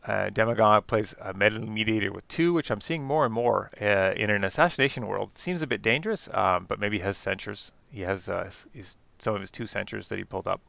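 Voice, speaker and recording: Canadian man, solo stream commentary, quick and filler-heavy, gravelly voice, dry close sound. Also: lowish voice, sharp tone, no echo. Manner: quick, chatty, many fillers and restarts. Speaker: game commentator.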